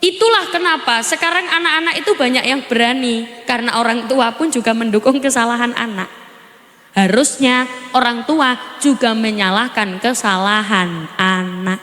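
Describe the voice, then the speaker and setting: A woman preacher giving a lively sermon, quizzing and teasing her audience. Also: a little high. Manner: animated, asks the audience questions and teases. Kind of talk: lively village sermon with jokes and crowd questions. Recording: echoey hall over PA, faint noise.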